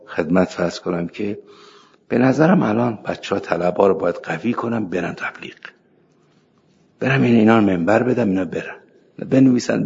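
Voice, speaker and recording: A middle-aged male cleric with a low, gravelly, husky voice, lecturing informally and slipping into scripture recitation between stories. The sound is dull and lo-fi, with a long echo from a large hall. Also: a little mellow. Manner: storytelling, recites scripture, chuckles. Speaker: cleric teaching seminary students. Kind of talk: informal religious lecture with anecdotes.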